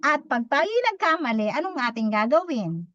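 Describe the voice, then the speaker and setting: A woman, teaching public speaking to a live audience, talking fast and quizzing her listeners. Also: high voice, very animated, fairly bright tone, dry recording, highs cut off. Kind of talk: interactive talk to a live audience.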